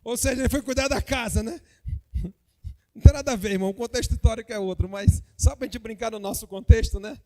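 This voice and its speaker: A Sunday school teacher gives a church Bible lesson in a large hall, speaking directly to the congregation. His very high voice comes fast and dark-toned, and he mixes in joking asides and frequent tag questions.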